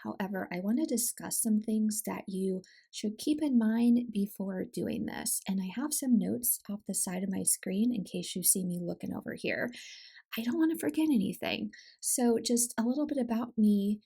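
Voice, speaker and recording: Woman vlogger, conversational desk-side delivery, noticeable vocal fry, mid pitch. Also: normal speed, dark tone. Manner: chatty, conversational, with asides and self-corrections. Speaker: self-publishing vlogger. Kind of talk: casual talking-head advice.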